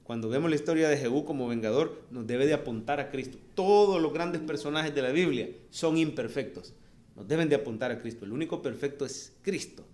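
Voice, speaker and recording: A middle-aged man with a Salvadoran accent preaching a sermon, moving between soft storytelling asides and rising calls to the congregation. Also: fairly high pitch, fairly quick. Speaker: pastor.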